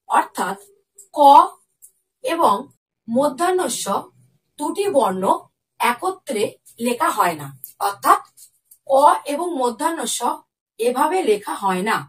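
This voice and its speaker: High, lively woman teaching young children. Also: far from the mic. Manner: asks the pupils questions and answers them herself; repeats example words slowly and clearly. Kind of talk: Bengali lesson for young children.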